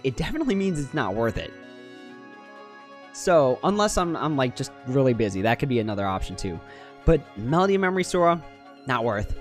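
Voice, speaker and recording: A man with a slightly high voice talks into a livestream headset mic, picking apart game numbers out loud in a critical, analytical way. Faint music plays underneath. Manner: analytical, critical, thinking aloud. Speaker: mobile game streamer. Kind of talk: casual livestream commentary.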